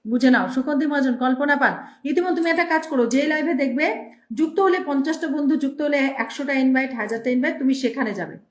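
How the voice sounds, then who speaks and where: A woman's voice: sits high, quick pace, reverberant. A woman hosting a live stream, reading out viewer names and thanking them one after another in speech.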